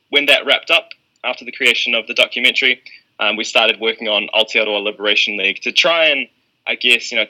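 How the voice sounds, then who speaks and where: A man's voice: on the low side, rough recording. A man with a New Zealand accent, a guest talking thoughtfully in a podcast interview. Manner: relaxed, thoughtful, many ums.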